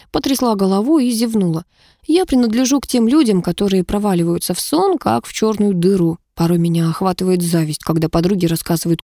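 A woman narrating a first-person audiobook in a wry, lively storytelling manner. Her voice is mellow and dark, recorded on a close mic that sounds dry, with no room around it. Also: on the low side, dry recording.

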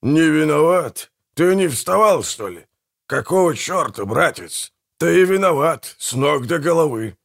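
Male narrator doing a sneering coarse bandit, raised pitch, quarrelsome. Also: animated, measured pace, gravelly, a bit bright, full character voice. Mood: angry. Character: greedy quarrelsome bandit brother, cocky and coarse.

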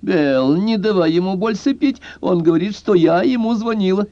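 A man's voice: high-pitched, normal speed, dark tone, no echo, lo-fi sound, pitched above the performer's own voice, close to an everyday voice. Man doing a sulky, drunk young woman. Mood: offended.

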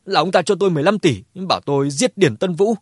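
A man voicing a panicked young hired killer who shouts his accusations in an audiobook. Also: fairly high pitch, lively intonation, a little fast, slightly rough, dry recording, studio quality, voice pushed up. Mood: frantic accusing.

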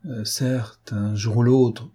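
A man's voice: mid-range voice, steady tone, slow pace, dark tone, breathy edge. A man voicing a timid, desperate young poet. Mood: hesitant. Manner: hesitant, faltering. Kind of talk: audiobook character voice.

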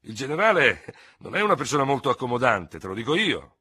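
A man's voice: medium pitch, sing-song, fast, sharp tone, breathy edge, no room sound, clean studio sound, voice pushed up, exaggerated voice. A man reading an audiobook and voicing a brash, swaggering young hussar lieutenant with an ironic, blustering manner.

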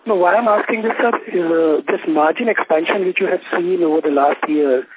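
A man's voice: high voice, brisk, a little hiss or hum. A man, an analyst asking probing, repeated questions over a conference call line that keeps breaking up. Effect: conference call phone line, audio breaking up.

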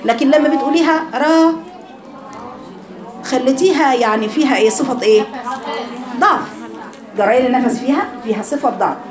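A woman with an Egyptian accent teaching Quran recitation, correcting students and drawing sounds out slowly to demonstrate. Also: high voice, crowd noise. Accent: Egyptian Arabic. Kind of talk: online recitation class.

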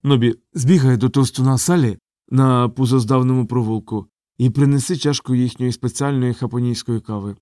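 A man's voice: mid-range voice, steady tone, normal speed, mellow, no room sound, clean studio sound, close to an everyday voice. A man voicing a fussy, worried older male sergeant of the city watch. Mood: fretting.

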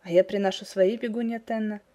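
A woman's voice: medium pitch, steady tone, fairly quick, warm tone, natural voice. A woman voicing an earnest, courteous young village man who is courting a girl. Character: young male villager, frank and eager suitor.

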